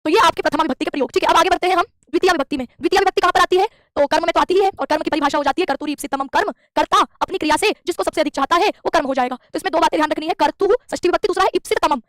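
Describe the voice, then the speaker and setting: A woman's voice: very high voice, very fast, few pauses, fairly bright tone, dry recording, studio quality. A woman teaching Sanskrit grammar in an exam-prep lecture, explaining step by step and asking and answering her own questions in a classroom with a board.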